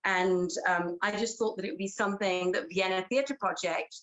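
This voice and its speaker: A woman's voice: mid-range voice, fairly even intonation, moderate pace, fairly bright tone, low-quality recording. An English-accented woman, a theatre director and actress, chatting in an interview and laughing often. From Britain. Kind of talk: casual interview chat.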